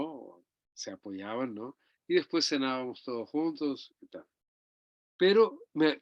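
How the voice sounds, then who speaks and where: A man's voice: mid-range voice, dry recording. Older man reminiscing in a dull, dry recording. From Chile. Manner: rambling, warm storytelling with tag questions. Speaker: interview guest. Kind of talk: reminiscing conversation.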